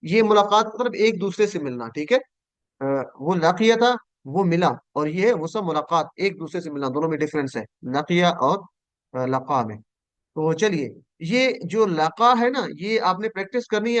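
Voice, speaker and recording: A man teaching over a video call, his voice somewhat high and smooth, recorded dry and close. He says each word slowly and carefully, pausing so the students can say it back. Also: lively intonation. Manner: patient, repeats words slowly for students to echo. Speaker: Quranic Arabic teacher. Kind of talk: online class drilling verb forms.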